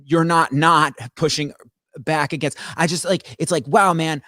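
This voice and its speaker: A man's voice: a little high, fairly even intonation, unhurried, sharp tone, dry recording, clean studio sound. A man in casual conversation, rambling with many restarts and stammers. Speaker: podcast co-host. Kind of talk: casual chat.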